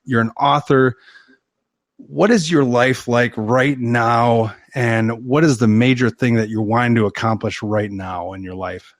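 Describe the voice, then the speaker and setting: A man's voice: mid-range voice, fairly even intonation, unhurried, no echo, clean studio sound. A man hosting an interview podcast, talking casually and eagerly with lots of repeated words and restarts. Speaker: podcast host, firefighter.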